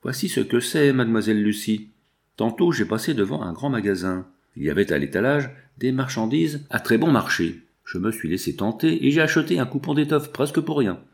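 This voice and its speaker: Un homme lisant à voix haute et prêtant sa voix à une porteuse de pain d'âge mûr, humble et affectueuse. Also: male voice, medium pitch, expressive, brisk, gravelly.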